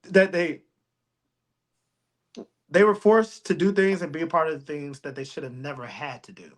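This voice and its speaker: A man co-hosting a podcast in casual chat, talking in a slow, drawn-out way and often repeating himself. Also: on the high side, steady tone. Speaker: podcast co-host.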